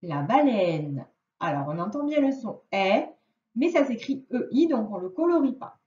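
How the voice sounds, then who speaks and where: A woman teacher giving a recorded phonics lesson to young children, sounding out each word slowly and clearly. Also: a little high, very animated, mellow, far from the mic. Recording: dull, roomy audio with the speaker off-mic.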